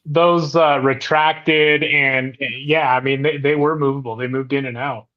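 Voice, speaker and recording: A man's voice: mid-range voice, fairly even intonation, measured pace, phone-quality sound. A man co-hosting a casual aviation podcast, explaining eagerly and often restarting his sentences. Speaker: podcast co-host.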